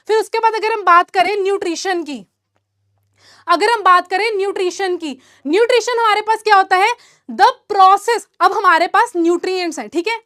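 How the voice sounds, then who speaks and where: A woman's voice: very high voice, a bit bright, dry recording, studio quality. A young woman teaching children in a live online class, fond and teasing, saying things over and over. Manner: affectionate, repeats phrases, teasing.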